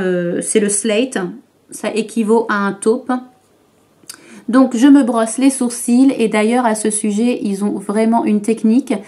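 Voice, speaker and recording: Slow, chatty woman doing a makeup tutorial. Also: fairly high pitch, a little mellow. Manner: chatty, hesitant with many fillers. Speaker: beauty vlogger. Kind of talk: makeup tutorial talk to camera.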